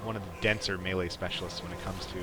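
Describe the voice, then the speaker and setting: A man with a low, level voice talks fast as a podcast host, casually commentating on gameplay in a rambling, hesitant way. Noticeable noise sits behind his voice.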